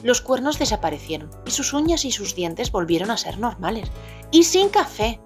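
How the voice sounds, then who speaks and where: A woman co-hosting a parenting podcast, reading a children's story aloud with lively, expressive voices for the characters. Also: on the high side, normal speed. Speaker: podcast co-host. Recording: music playing faintly behind.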